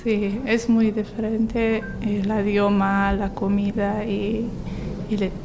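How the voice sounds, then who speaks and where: A young woman answers an interviewer in slow, careful learner's speech. Her voice stays flat and unhurried, her clear. A steady hiss runs under the recording. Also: medium pitch. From Somalia. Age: 20s. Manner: hesitant, short answers, searches for words.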